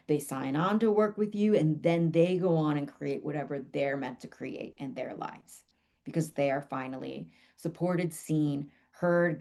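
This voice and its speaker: A woman's voice: medium pitch, darkish tone. A woman in her forties, a business coach, teaching her school in a reflective, musing way, often laughing and at times dropping to a whisper.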